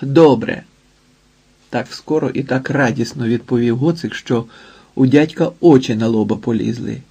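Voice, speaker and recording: A man narrating a novel in a measured, unhurried storytelling manner. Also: medium pitch, gravelly, mellow, slightly rough. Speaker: audiobook narrator. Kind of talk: scripted narration.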